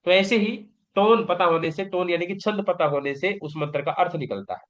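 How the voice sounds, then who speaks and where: A man with a high-pitched voice speaks at a moderate pace, teaching a recorded yoga exam-prep lecture. He explains patiently and often poses questions, then answers them himself. The class recording sounds dull and lo-fi.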